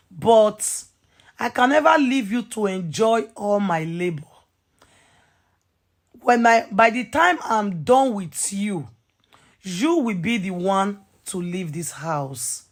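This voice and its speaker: A bitter wife full of cold menace, as a woman storyteller puts her on. She speaks, drawing out each threat slowly in a medium-pitched voice. The storybook villainess never raises her tone. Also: expressive. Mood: menacing. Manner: slow, low menacing threats.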